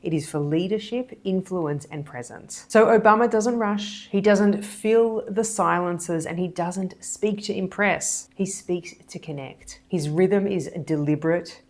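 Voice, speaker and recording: A woman hypnotist and body language coach explaining speaking techniques in a measured, deliberate, emphatic way. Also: fairly low pitch. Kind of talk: explanatory video lesson.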